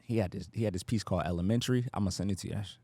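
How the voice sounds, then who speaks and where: A man hosting a casual podcast, talking in a slangy, joking, animated storytelling way. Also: low voice, rapid-fire, dry recording. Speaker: podcast host. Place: warehouse, close dry sound.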